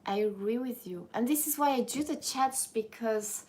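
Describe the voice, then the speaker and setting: On her live stream, a thirtysomething French-accented woman chats loosely with her audience and goes through their comments. Her voice sits fairly high and a little mellow at a normal speed; she's frank and rambling, corrects herself constantly, and laughs readily.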